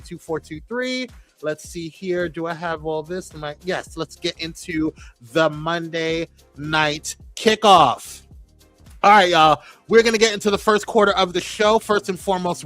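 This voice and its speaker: A man's voice: fairly high pitch, a bit bright. A man hosting a live-streamed talk show, greeting viewers by name in a playful, chatty way. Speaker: host.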